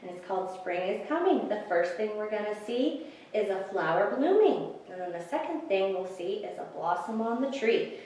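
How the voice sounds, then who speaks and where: Reading picture books and singing along with young children, a woman introduces each story in simple, encouraging words. She has a medium-pitched, darkish voice with lively intonation at a moderate pace. The room is very echoey and she is far from the microphone.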